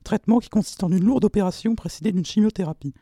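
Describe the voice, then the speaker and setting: A man's voice: sits high, fast, dark tone, no echo, clean studio sound. A young man reading a scripted science segment for radio. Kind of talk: scripted narration.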